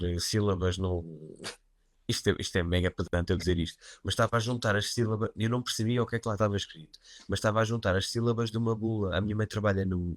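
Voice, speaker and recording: A man with a European Portuguese accent, a writer chatting as a guest in an interview, relaxed and self-deprecating, full of casual fillers. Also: fairly low pitch, no room sound, clean studio sound. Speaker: guest writer and writing teacher.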